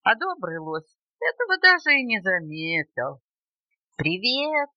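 A woman's voice: medium pitch, moderate pace, dry recording. Older woman reading a storybook aloud. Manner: expressive, lilting storyteller. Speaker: grandmother reading to her grandson. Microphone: home cassette recorder. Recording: dull dry home cassette tape.

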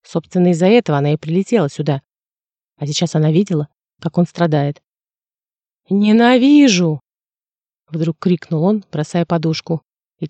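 A male narrator reads a novel aloud in a measured, reflective way. His tone is mellow and warm. The sound is dry and close. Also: on the high side, dry recording. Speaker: audiobook narrator. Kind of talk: scripted narration.

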